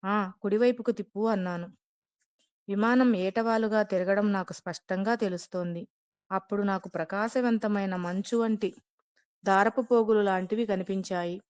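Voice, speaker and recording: A woman reads a novel aloud at a calm, measured pace, keeping the characters' lines in her own voice. The recording is dry and close, with no room sound. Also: mid-range voice, dry recording. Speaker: audiobook narrator. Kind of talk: reading a translated novel aloud.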